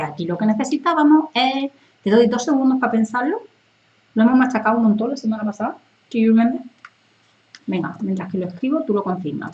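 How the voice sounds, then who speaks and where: A woman with a Spanish accent teaches English grammar in a live online lesson, her voice sitting a little high. She mixes Spanish and English and keeps checking in with students. The stream audio is dull and lo-fi. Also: darkish tone. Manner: switches between Spanish and English, checks in often with "¿vale?".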